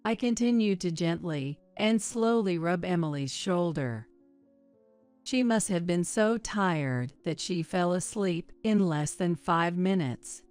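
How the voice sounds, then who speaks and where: A woman narrating a story in a measured, even way. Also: lowish voice, clean tone.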